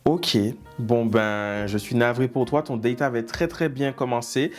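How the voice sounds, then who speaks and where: A man's voice: mid-range voice, steady tone, a little slow, soft background music. A man hosting a reaction video, reading viewers' dating stories aloud with teasing, mock-outraged asides.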